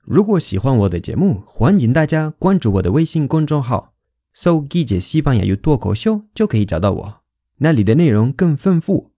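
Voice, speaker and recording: A man teaching a language lesson, repeating example phrases slowly and clearly for learners and leaning hard on key words. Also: medium pitch, big pitch swings, mellow. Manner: exaggerated emphasis on example words. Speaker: Spanish teacher.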